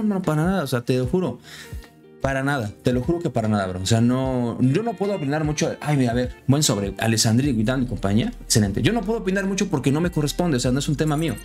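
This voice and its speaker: A man chatting casually on a live stream, friendly and lively, his voice jumping higher when excited.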